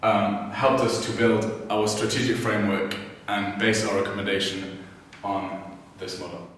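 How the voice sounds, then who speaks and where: Low-voiced man in an echoey room. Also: little pitch movement, a little slow. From France and Germany. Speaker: student presenter. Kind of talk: team case presentation. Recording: echoey room from a distance with background noise.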